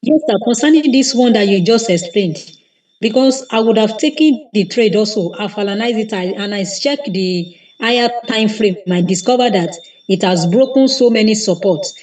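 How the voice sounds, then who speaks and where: A woman's voice: medium pitch, expressive, moderate pace, a little mellow. Hesitant woman caller, sounding distant. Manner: hesitant, searching for words. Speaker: caller asking a question. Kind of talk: live call-in question.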